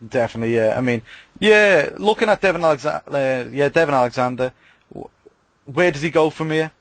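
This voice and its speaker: Co-hosting a podcast, a man chats casually in a rather high voice at a brisk pace. He hesitates often and leans heavily on fillers like "you know." The sound is dry and close to the mic, with no echo.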